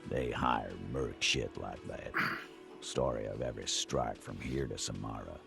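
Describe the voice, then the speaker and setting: A man's voice: rumbling low, a little slow, gravelly, exaggerated voice. An actor playing a hostile, threatening male dockworker union boss in a video game. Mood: grim. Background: game music.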